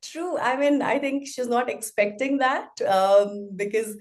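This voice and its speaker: A woman's voice: on the high side, measured pace. A woman, a podcast guest speaking thoughtfully in a casual interview, with frequent fillers and restarts. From Nepal.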